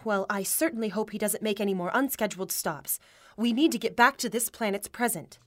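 A woman's voice: medium pitch, brisk, no room sound, clean studio sound, natural voice. A woman playing a sensible, concerned space traveler in an audio drama, with earnest delivery.

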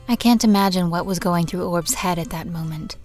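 A woman's voice: on the low side, a little fast, a little mellow, soft background music, lightly acted. A woman playing the storyteller of a space adventure in scripted audio drama narration. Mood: reflective.

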